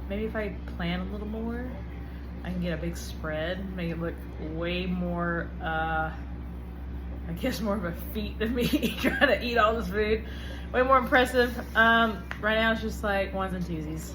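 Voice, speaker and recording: A woman's voice: medium pitch, noisy background. A woman vlogging in an informal, rambling way, thinking aloud as she chats to the camera between bites of food. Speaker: vlogger, wrestler answering fan questions. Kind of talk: casual chat to camera while eating.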